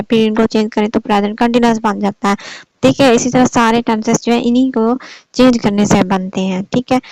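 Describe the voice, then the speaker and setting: A woman giving an online grammar lesson, explaining step by step and checking in with "okay" after nearly every point. Her voice sits a little high. The recording is dry and close, with no room sound. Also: a little mellow, no room sound, low-quality recording. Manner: explains patiently, repeats "theek hai" often. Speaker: English teacher.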